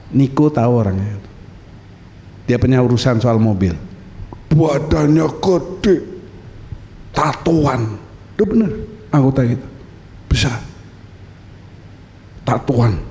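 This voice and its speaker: Mellow-voiced male pastor in an echoing hall. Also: mid-range voice, expressive. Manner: conversational storytelling preacher, drawn-out emphatic phrases. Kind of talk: sermon. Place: church sanctuary. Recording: reverberant church hall.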